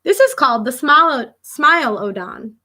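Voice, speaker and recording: Her pitch is high and her pace measured as she, a teacher, reads a children's story aloud. She delivers it with vivid emphasis, breaking in with asides and questions for the little ones listening.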